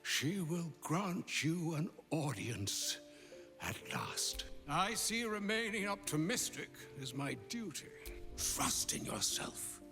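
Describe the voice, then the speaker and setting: An aged holy messenger from a fantasy game, gravelly and high for a man. The delivery is formal and theatrical, with big swings in pitch. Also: very animated, slow pace, over music, exaggerated voice. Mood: solemn. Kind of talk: video game dialogue.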